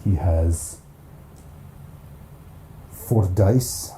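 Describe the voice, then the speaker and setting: A man's voice: sits low, very slow, mellow, slight background noise. A man narrating a solo board game campaign, counting dice aloud in a chatty, self-mocking way. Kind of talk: casual play-through narration.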